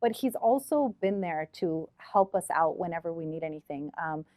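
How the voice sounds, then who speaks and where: A woman's voice: low voice, animated, moderate pace, a little mellow, no echo. A middle-aged woman, an arts organizer, speaking earnestly and from the heart in a documentary interview, with frequent hesitations. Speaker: community art shop and gallery organizer.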